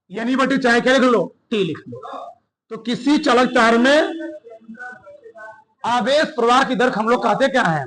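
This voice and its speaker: A male teacher giving a classroom lesson, dictating slowly and repeating phrases while asking the class questions. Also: very high-pitched, a bit bright, rough recording.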